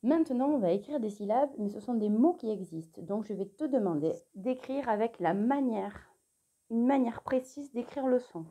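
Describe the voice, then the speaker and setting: A young adult woman who teaches primary school leads a remote spelling session for young children. She dictates clearly, spells letters one by one and directly encourages the child, in an animated, somewhat high voice with a dark tone at a moderate pace.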